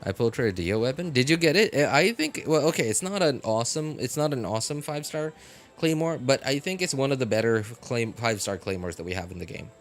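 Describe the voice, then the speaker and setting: A gaming streamer talks casually and fast on a live stream, his medium-pitched voice rambling through plenty of fillers. He gets worked up and animated when sharing his opinions.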